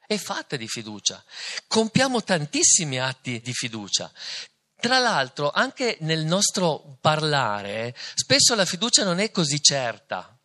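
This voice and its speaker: A man's voice: a little high, big pitch swings, measured pace, bright, forceful tone. A man, a priest, giving a conversational sermon to a couple, reading scripture and asking rhetorical questions.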